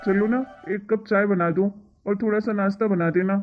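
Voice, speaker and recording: A man's voice: sits high, fairly even intonation, normal speed, over loud music, natural voice. A man voicing a husband who pleads with his wife and reproaches her, in a cartoon story. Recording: tinny phone-like sound.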